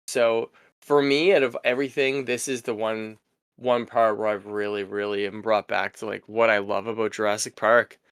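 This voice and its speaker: A young man hosting a podcast, chatting casually in a relaxed, rambling way. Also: on the low side, clean tone, no room sound, studio quality. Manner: relaxed, rambling, laughs easily. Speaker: podcast host. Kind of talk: casual chat.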